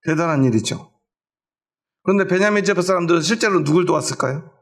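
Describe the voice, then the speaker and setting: This middle-aged pastor preaches in church at a quick pace, his voice on the high side. He poses questions to the congregation, answers them himself, and makes his points with homely everyday stories.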